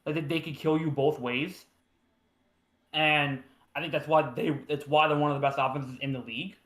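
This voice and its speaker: A man's voice: on the high side, fairly even intonation, moderate pace, a bit bright, echoey room. A man co-hosting a sports podcast, chatting casually with frequent restarts and filler words. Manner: stammering restarts, lots of "like" and "right?".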